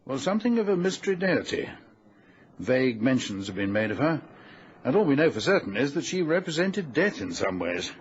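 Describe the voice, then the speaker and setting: In a radio drama, a man plays a genial, learned old titled English explorer, fatherly yet dismissive, genteel in manner and scholarly in mood. His natural voice moves fairly quickly with big pitch swings as he explains things in formal, expansive phrases. The recording sounds dull, with faint hiss.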